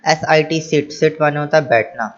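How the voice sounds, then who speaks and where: A man's voice: fairly high pitch, fairly even intonation, normal speed, dull audio. A male teacher explaining English action words to children. He spells each word letter by letter, then repeats it, translates it and asks the class rhetorical questions.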